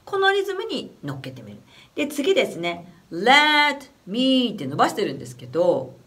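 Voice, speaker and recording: A woman from Japan giving a casual spoken singing lesson, chatty, demonstrating phrases slowly. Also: a little high, wildly swooping pitch, fairly bright tone. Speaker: vocal coach.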